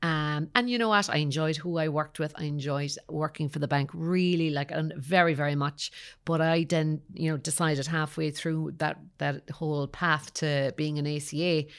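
Low-pitched Kerry woman, chatty and candid. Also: fairly even intonation, moderate pace, clear, resonant tone. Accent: Kerry, south-west Irish. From County Kerry, Ireland. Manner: chatty, candid, peppers talk with "you know". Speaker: podcast guest, financial advisor. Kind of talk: conversational interview storytelling.

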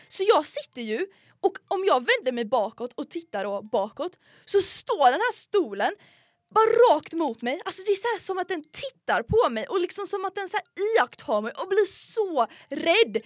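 Young female co-host, high and dry, dramatic storyteller full of fillers. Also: no echo. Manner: animated, dramatic, with frequent fillers. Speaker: podcast co-host. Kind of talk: casual storytelling chat.

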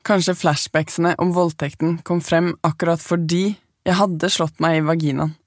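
A woman, the podcast's narrator, telling her own story in calm, measured, scripted first-person narration. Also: on the low side, no echo, studio quality.

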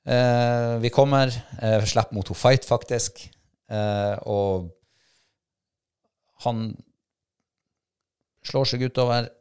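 A middle-aged man, telling a hunting-trial story in a casual chat and acting out his own thoughts and shouts. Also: medium pitch, steady tone, long pauses, smooth. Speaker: podcast co-host, hunting dog handler.

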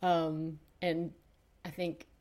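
A young Danish woman shares her personal story as a podcast guest, thoughtful and hesitant with many pauses and fillers. Her voice is low-pitched and a little mellow, with a flat delivery.

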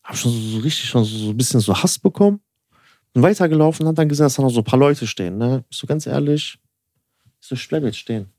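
In a relaxed storytelling chat, a young male podcast co-host meanders through a tale, leaning on fillers such as "so" and "ne" and voicing quoted dialogue. He talks fast in an animated, mid-range voice with a dark tone, captured clean in a studio with no echo.

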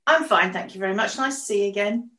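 An older English woman chats away as a podcast co-host, spinning stories and breaking into laughter often. Her voice sits at an ordinary pitch for a woman. The room around her rings with echo. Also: fast talker, bright, forceful tone. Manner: chatty storyteller, laughs often. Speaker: co-host and artist. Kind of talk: casual podcast chat. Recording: echoey room.

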